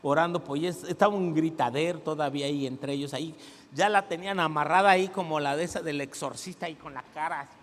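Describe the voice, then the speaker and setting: A middle-aged man with a Mexican accent preaches in an animated way, acting out stories and leading call-and-response. His voice sits high for a man. A long reverb from the church hall trails behind him. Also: fast talker. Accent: Mexican Spanish. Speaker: pastor. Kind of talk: sermon. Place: church sanctuary.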